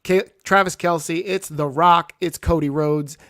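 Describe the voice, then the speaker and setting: A man hosting a casual wrestling talk show, excitable and reading out viewer comments. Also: fairly high pitch, measured pace, dry recording, studio quality. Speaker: show host.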